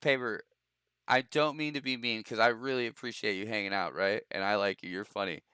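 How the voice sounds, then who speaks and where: A man's voice: fairly low pitch, steady tone, fast talker, sharp tone, smooth, no room sound, studio quality. A young man hosting a game stream, talking loose and profane with plenty of laughs and bro talk. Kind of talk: casual gaming stream chat.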